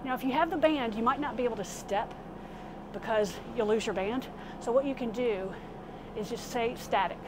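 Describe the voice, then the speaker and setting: A middle-aged woman, working as a fitness instructor, gives a casual, informal workout demonstration while exercising inside a small RV. Her voice sits a little high and moves at a moderate pace. The camera is a few steps away, and the vehicle interior is clearly noisy.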